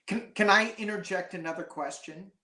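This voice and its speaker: A man, a guest on a tarot chat, talking slowly and casually with joking, self-mocking asides. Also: sits high, pushed and bright. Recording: echoey room.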